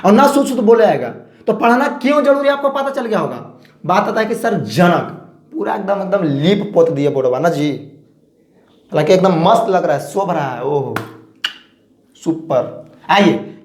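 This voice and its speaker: A male teacher with a Bihari Hindi accent, giving a classroom lecture in a lively, joking, repetitive way. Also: high voice, moderate pace, echoey room.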